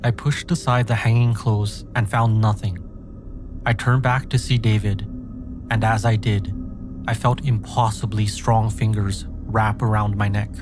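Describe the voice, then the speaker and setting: Low-pitched man narrating a scary story. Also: little pitch movement, a little slow. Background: background music.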